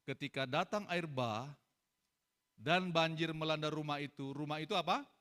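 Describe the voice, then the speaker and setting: A man preaching a sermon as pastor, repeating refrains and rising suddenly to loud, fervent cries. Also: fairly high pitch, normal speed.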